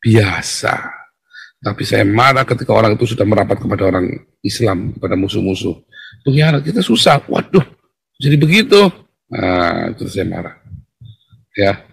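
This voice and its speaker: A man's voice: lowish voice, expressive, moderate pace, creaky, pauses often, husky. A man preaching a blunt, emphatic sermon over a video call, speaking directly to his listeners.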